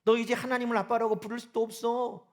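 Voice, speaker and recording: A man's voice: level tone, fast. A man voicing a sly taunting devil. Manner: taunting, low and hushed. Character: sly whispering male devil, accusing.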